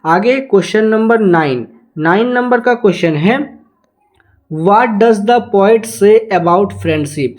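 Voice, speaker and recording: A man teaching an exam-prep lesson. He reads each question slowly, then explains it and repeats the answer. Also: high-pitched, a little mellow.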